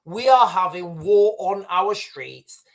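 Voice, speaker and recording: A man hosts a livestream with slow, rambling commentary over clips, his high voice animated and creaky. He speaks directly to viewers as "guys," with many restarts and repeated "right."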